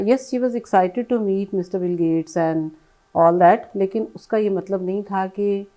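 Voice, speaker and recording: Middle-aged woman, soft-spoken, reflective interview answers, warm mellow tone, mixes in English phrases. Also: mid-range voice, low-quality recording. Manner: soft-spoken, often dropping to a hush, mixing in English phrases. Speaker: bereaved mother, interview guest.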